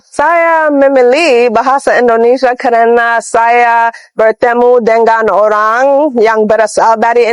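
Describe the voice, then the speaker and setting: Woman, American accent, native English speaker, unhurried and halting learner delivery, close dry sound. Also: a little high, clear, resonant tone, no echo. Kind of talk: talking about herself in learner's Indonesian.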